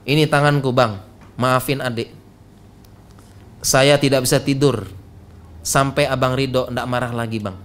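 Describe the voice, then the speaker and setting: A man voicing an apologetic young wife who pleads softly with her husband. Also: medium pitch, steady tone, measured pace, pauses often, pitched below the performer's own voice, lightly acted. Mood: pleading.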